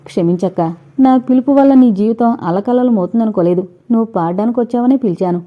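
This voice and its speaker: A woman's voice: fairly high pitch, fast talker, narrow, tinny audio, lightly acted. A woman voicing a remorseful young woman speaking to her elder sister in an audiobook. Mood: pleading. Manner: pleading, tearful.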